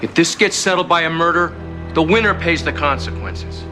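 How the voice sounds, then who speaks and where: An actor playing a stern local sheriff keeping the peace, firm and insistent, in a television drama. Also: male voice, fairly high pitch, expressive, normal speed, lightly acted. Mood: stern warning. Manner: commanding, insistent. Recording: music clearly behind the voice.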